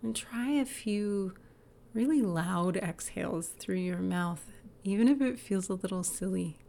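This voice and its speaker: A woman leading a guided body-awareness exercise in a calm, gentle, inviting manner, sometimes dropping to a soft whisper. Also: mid-range voice, measured pace, gravelly.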